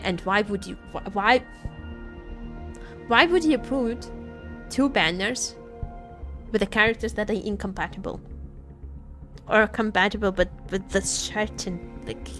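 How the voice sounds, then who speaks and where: A female gaming livestreamer chats casually with her viewers in live commentary, halting, joking and often repeating herself, with faint music playing behind her. Her voice is medium-pitched and a little bright.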